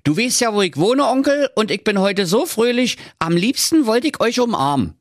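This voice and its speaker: Voicing a cheerful, gushing young nephew, a man pushes his pitch above his own natural register, speaking high with big pitch swings at normal speed. The sound is clean studio audio with no room sound.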